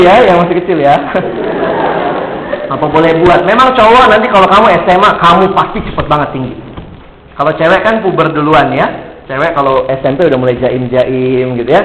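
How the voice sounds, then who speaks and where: A man giving a humorous youth sermon, telling stories in a lively way, teasing his listeners and asking rhetorical questions. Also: a little high. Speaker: youth speaker. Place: large hall. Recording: echoey hall, faint background hum.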